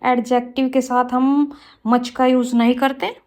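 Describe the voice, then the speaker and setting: A woman teaching English grammar to Hindi speakers. She reads each example sentence very slowly and clearly, then explains it briskly and keeps calling her viewers guys and kids. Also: high-pitched, level tone, darkish tone.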